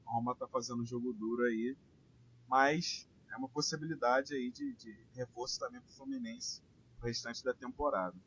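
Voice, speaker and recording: A man hosting a casual football chat, reading listener messages in a relaxed, conversational way with frequent tag questions. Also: mid-range voice, normal speed, husky. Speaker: podcast host. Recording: dull lo-fi sound with faint hiss.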